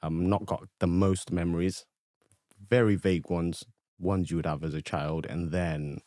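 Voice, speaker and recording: A young man from Ethiopia, a podcast guest telling his own story in an easygoing, relaxed way. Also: sits low, moderate pace, no room sound, studio quality. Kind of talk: casual chat.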